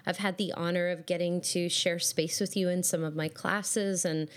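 Speaking at a normal speed with a lowish voice and steady tone, a podcast host chats casually. Her voice is scratchy today, and she talks in a gushing, effusive manner loaded with fillers.

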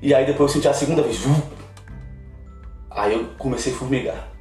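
Man, guest missionary, earnest testimony, heard from a distance in a roomy space with soft music. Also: mid-range voice, fairly quick. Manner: earnest, emotional storytelling. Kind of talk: personal testimony in a podcast interview.

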